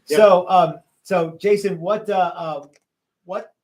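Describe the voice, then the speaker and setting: A man's voice: high voice, takes it slowly, darkish tone. A man hosting a guitar-building workshop, chatting casually with his students and often repeating himself and restarting sentences.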